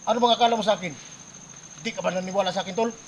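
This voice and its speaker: A man vlogger quietly defending himself against an accusation. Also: sits high, steady tone, racing, highs cut off, slight background noise. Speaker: vlogger friend. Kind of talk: heated staged argument among friends.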